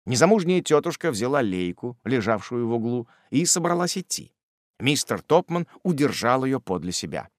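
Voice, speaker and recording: A man narrating a classic novel as an audiobook reader, in an expressive, measured storytelling manner. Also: mid-range voice, no room sound, studio quality.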